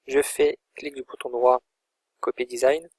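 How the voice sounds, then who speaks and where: Narrating every click in a loose, think-aloud style, this male online course instructor records a screen tutorial. He speaks a little slowly in a flat, mid-pitched voice that is slightly husky and darkish in tone. The recording sounds close and dry, free of any room echo.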